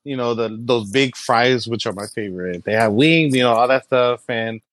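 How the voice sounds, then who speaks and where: A young comedy creator from San Antonio, Texas, appears as a guest in a casual chat, telling stories animatedly with lots of fillers and quick, high-pitched imitations of other people. The recording has no room sound.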